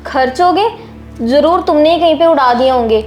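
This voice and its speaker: An actress playing a spoiled young wife who talks in a sharp, bossy, complaining way. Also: female voice, high voice, a little fast, faint music behind, natural voice. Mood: scornful. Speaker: daughter-in-law. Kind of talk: short film acting.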